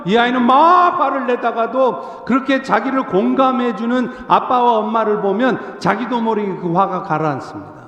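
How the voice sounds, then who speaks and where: A male Korean pastor preaching a sermon earnestly, sometimes acting out a gentle parent's words. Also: extremely high pitch, moderate pace, hardly any pauses, dull audio. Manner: earnest, coaxing, acts out gentle parent lines. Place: church sanctuary. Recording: echoey church hall.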